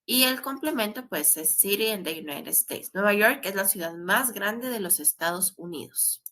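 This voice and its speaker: A woman's voice: medium pitch, animated, normal speed, pushed and bright. A woman teaching English grammar in a recorded class. She explains step by step and often adds a questioning tag.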